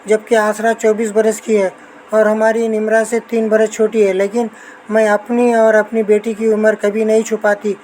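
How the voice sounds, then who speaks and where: A woman reading an audiobook novel, voicing a talkative, excitable middle-aged wife and mother who chatters without pause. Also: medium pitch, a little hiss or hum, lightly acted, poor audio. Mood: gushing. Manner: gushing nonstop chatter.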